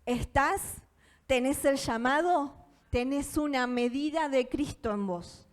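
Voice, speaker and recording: Slow-speaking Rioplatense woman pastor preaching. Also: high-pitched. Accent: Rioplatense Spanish. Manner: earnest, asks the audience for agreement, laughs between points. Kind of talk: sermon. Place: church auditorium.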